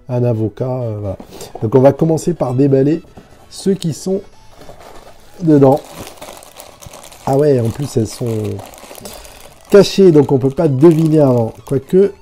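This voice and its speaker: Male toy reviewer: mellow, dark tone, chatty and descriptive, light music bed. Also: medium pitch. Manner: chatty, thinks aloud, describes each figure. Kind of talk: casual unboxing commentary.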